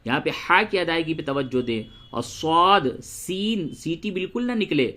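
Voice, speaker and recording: A man teaching Quran reading and tajweed, explaining letter sounds and drawing verses out slowly as he recites them. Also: a little high, expressive, pushed and bright. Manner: slow drawn-out recitation of verses between brisk explanations; addresses listeners as brother, repeats sounds for drilling.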